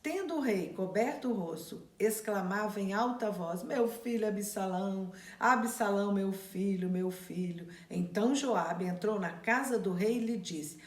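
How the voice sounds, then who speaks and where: A woman's voice: mid-range voice, unhurried, hardly any pauses. Woman, bible study teacher, reads verses then retells them, roomy echo. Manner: reads scripture aloud, then retells it in casual speech.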